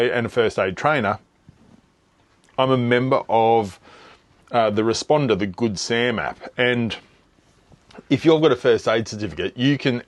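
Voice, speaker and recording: Speaking casually to camera, this Australian man vlogs his travels in a chatty, rambling way full of fillers and restarts, first at outdoor tourist spots and then inside. His voice is fairly low, and there's no room sound.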